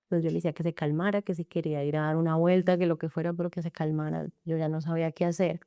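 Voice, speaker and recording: Warm, gravelly Colombian woman testifying. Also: sits low, little pitch movement, fast talker, no room sound. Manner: earnest, recounting events in long run-on sentences, often quoting others. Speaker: interviewee telling her own story. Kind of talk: emotional personal testimony in an interview.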